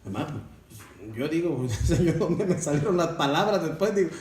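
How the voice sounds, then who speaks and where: Heard from a distance in an echoey room with faint ambience, a churchgoer delivers a preachy, sermon-like testimony in a slightly high, somewhat mellow and expressive voice at normal speed. He calls his listeners brothers and poses rhetorical questions.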